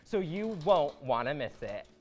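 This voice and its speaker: A woman's voice: deep voice, sing-song, measured pace, darkish tone, faint music behind. A young woman co-hosting a morning show, chatting in an enthusiastic, chatty way. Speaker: co-host. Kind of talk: casual studio chat.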